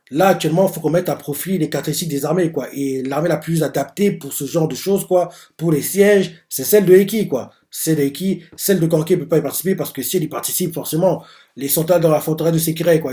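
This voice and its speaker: A man's voice: on the high side, warm tone. A man casually recapping a manga chapter, rambling and leaning heavily on filler words. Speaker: manga reviewer.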